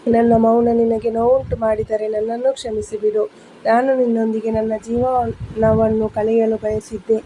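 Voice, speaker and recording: A woman reads a first-person story in an even, measured way. Her voice is fairly high but flat and mellow. It sounds dull and lo-fi, with a faint hiss underneath.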